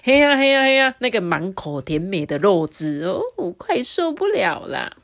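A sly, greedy one-eared wolf savors the thought of his next meal in a storybook reading, as a woman puts him on. He talks slowly and with relish. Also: medium pitch, big pitch swings, vocal fry, fairly bright tone.

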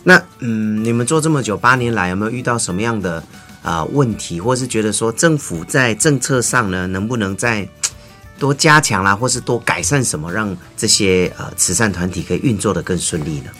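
A man hosting a casual talk show interview, chatty and often ending phrases with a soft laugh. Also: lowish voice, expressive, brisk, faint music behind. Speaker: radio talk show host.

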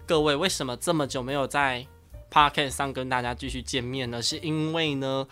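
A young man in his twenties with a Taiwanese Mandarin accent, hosting a casual podcast and telling a story in a loud, animated, ranting way. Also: mid-range voice, normal speed, faint music behind. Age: 20s. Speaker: podcast host.

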